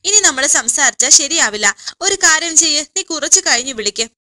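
A woman's voice: sits high, lively intonation, normal speed, sharp tone, exaggerated voice. A woman voicing a brusque young man scolding a crying girl on the phone, in a serial story recap. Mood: impatient. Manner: curt, scolding. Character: impatient curt young man.

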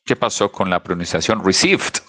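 Low-voiced man teaching English drills. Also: expressive, pushed and bright. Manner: drills pronunciation slowly, repeating words. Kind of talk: online English lesson.

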